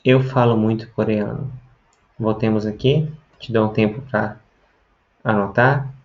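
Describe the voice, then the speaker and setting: Male teacher, explanatory, keeps checking in; gravelly voice, lo-fi sound. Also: fairly low pitch, fairly even intonation, unhurried. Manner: explanatory, with frequent tag questions. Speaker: language teacher. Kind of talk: video lesson.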